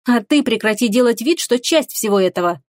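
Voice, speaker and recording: A woman's voice: a little high, animated, a little fast, dry recording, lightly acted. A woman voicing a fiery, jealous young woman who speaks sharply and indignantly. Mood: sarcastic, angry.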